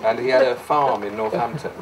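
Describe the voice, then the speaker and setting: The brother of the bride delivers a rambling, best-man-style wedding speech, jokey and mock-sincere, digressing often. His mid-range voice moves briskly. It's recorded from a distance in a noisy, live wedding reception room.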